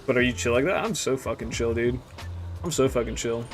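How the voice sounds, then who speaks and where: This gaming streamer is a man in his twenties with a mid-range voice that runs a bit fast over background music. He rambles and cracks crude jokes during casual stream chat, often trailing off into mutters.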